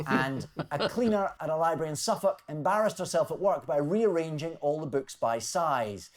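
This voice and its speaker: A man hosting a comedy news quiz, reading scripted jokes with wry, deadpan timing. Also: fairly high pitch, measured pace. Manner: wry, deadpan delivery of punchlines. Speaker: quiz show host.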